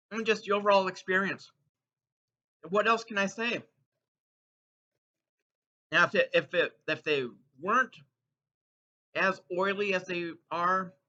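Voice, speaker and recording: A man's voice: high voice, pushed and bright. A man hosting a casual taste-test vlog, playfully announcing his verdicts while munching crunchy chips between remarks. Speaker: food taste-test reviewer and host. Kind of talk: casual snack review vlog to viewers. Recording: dull, muffled lo-fi sound.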